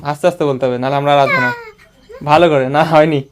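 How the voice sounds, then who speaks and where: Man, fairly high voice, playful, teasing, coaxing, repeats words, casual home vlog. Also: fairly even intonation, fast talker, background noise. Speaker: vlogger.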